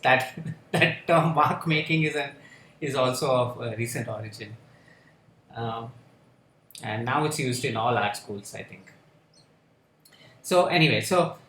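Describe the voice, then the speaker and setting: A man speaking on a panel discussion, halting and full of fillers and restarts. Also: mid-range voice, a bit bright. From India. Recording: echoey room with faint ambience.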